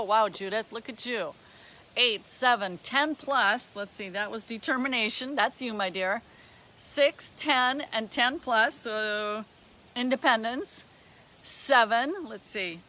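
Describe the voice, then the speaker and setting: Bright-voiced woman mentoring live viewers. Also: a little high. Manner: chatty, greets and answers live viewers; counts items aloud under her breath. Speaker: business mentor. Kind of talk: live-streamed coaching session.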